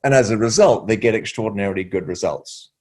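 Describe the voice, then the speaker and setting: A man guest, a workplace wellbeing trainer, answering an interview question with measured anecdotes. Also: fairly low pitch, a little mellow.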